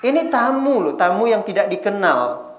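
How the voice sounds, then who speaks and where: A male Islamic preacher giving a casual, lively sermon to a women's audience, often teasing them with rhetorical questions. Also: high voice, moderate pace, roomy sound.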